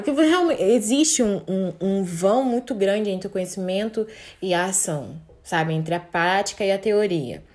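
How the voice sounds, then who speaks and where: A woman's voice: mid-range voice, a little mellow. A young woman talking candidly and emotionally on her podcast, at times close to tears. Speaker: podcast host. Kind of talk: personal confessional podcast.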